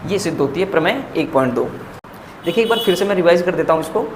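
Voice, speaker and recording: A man's voice: high-pitched, expressive, fast talker, a little hiss or hum. Patient male maths teacher. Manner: patient, repeats each step and checks in with the listener. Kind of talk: board lesson explanation.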